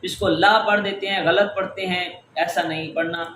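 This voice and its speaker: High-voiced man teaching Quran reading. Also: steady tone, fairly bright tone, a little hiss or hum. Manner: patient, explaining rules step by step, drawing out example words. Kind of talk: tajweed lesson. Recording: echoey room with faint ambience.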